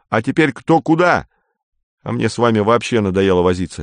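A man's voice: medium pitch, no room sound, natural voice. A man doing a hot-tempered boy captain. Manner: shouting, iron-voiced, sulky.

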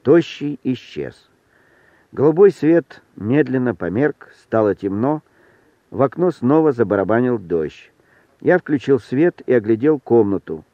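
A man reads a story aloud in an even, wry manner. His voice is mid-pitched. The sound is thin and phone-like, dry and close. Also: a little slow, dry recording. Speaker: audiobook reader. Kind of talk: storytelling narration.

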